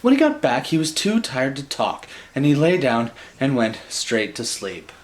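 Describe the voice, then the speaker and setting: A man reading a children's bedtime story in an animated style, with wry, joking casual asides. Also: medium pitch, normal speed, a little hiss or hum.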